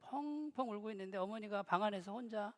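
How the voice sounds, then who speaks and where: A man's voice: sits high, a little fast. A middle-aged man preaching a sermon in a church hall, telling stories with humor and joking with the congregation. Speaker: pastor.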